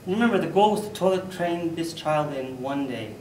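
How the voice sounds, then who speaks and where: Man, speech contest storyteller, animated, fairly high voice, echoey hall, mic from far off. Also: normal speed, slight background noise. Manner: animated, loud bursts for sound effects. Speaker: contest speaker.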